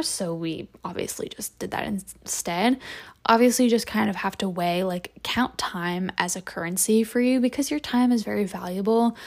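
Woman, 20s, podcast host, casual chatter, frequent fillers, vocal fry. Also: mid-range voice. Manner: chatty, with frequent "like" and "um" and soft laughs. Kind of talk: casual solo podcast talk. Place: home room with a window to the street.

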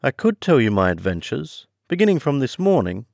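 A man's voice: mid-range voice, very animated, fairly quick, gravelly, a little mellow, no echo, clean studio sound, voice pushed up. A man voicing a polite, curious and slightly timid young girl in a children's storybook, in an earnest, wondering manner.

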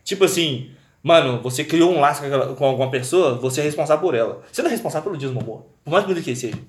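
A man retells a story in a loose, slangy, animated way, with his words tumbling out quickly. His voice sits a little high. The room around him is echoey. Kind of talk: casual chat.

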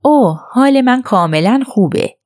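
A woman voicing a cold, guarded young gentlewoman who speaks in a cool, clipped way. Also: fairly high pitch, animated, no room sound, studio quality, voice pushed up, close to an everyday voice.

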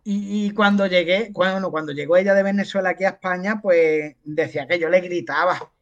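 Andalusian man telling lively anecdotes. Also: high voice, fairly quick, muffled recording. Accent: Andalusian Spanish. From Andalusia, Spain. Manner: animated, acts out the voices of people he quotes. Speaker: podcast guest. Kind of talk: casual chat, anecdote storytelling.

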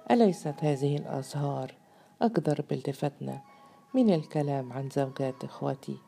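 A woman's voice: extremely low pitch, animated, a little fast, gravelly, mellow, soft background music, full character voice. A woman reading the lines of an earnest young man in love, from a storybook. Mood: tender.

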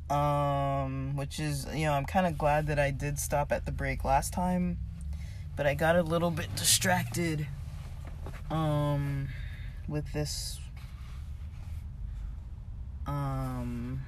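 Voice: mid-range voice, steady tone, takes it slowly, pauses often, slight background noise. Someone whose voice is giving out, talking casually and unscripted about a book, hesitant and thinking aloud. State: losing voice, voice giving out. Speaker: reader discussing a self-help book.

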